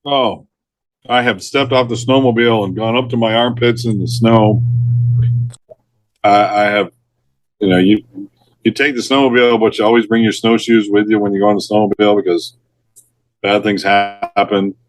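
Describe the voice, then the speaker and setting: A man's voice: lowish voice, moderate pace, pauses often, dry recording. A middle-aged man, a retired forest ranger, telling rescue stories in a casual interview, often laughing mid-sentence and acting out what people said. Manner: lively storyteller who laughs mid-sentence and acts out quotes.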